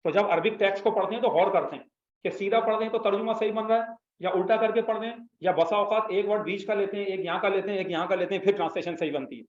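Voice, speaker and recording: A man's voice: high voice, quick pace. Patient male Arabic teacher in echoey classroom. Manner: patient, explanatory, prompts students to repeat. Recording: echoey room, slightly dull sound.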